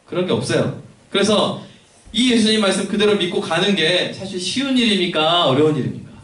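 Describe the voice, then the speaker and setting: A male pastor preaching a sermon in a lively way, acting out little conversations for his congregation. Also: sits high, fairly quick. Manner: animated, acts out dialogue. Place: church sanctuary. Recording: echoey church hall, mic at a distance, faint noise.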